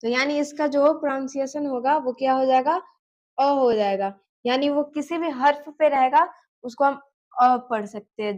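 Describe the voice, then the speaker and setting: A woman gives a beginner lesson on writing letters. She is patient and repetitive. She slows down to spell out each sound and keeps checking that the learner is following. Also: sits high. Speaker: Urdu teacher.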